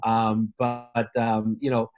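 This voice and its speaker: A man's voice: on the low side, completely flat delivery, slow pace, a little mellow, highs cut off. A man from Argentina, a company representative, talking casually in an interview with many fillers and restarts.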